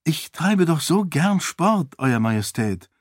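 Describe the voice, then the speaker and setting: A man's voice: a little high, big pitch swings, slow, dry recording, studio quality, pitched above the performer's own voice, exaggerated voice. A man voicing a clever young noblewoman who talks in a coy, falsely innocent way. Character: sharp-witted young noblewoman, sly.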